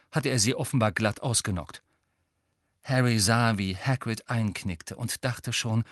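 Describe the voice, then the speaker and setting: A man narrating an audiobook in an expressive reading. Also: mid-range voice, no echo, clean studio sound. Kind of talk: scripted narration.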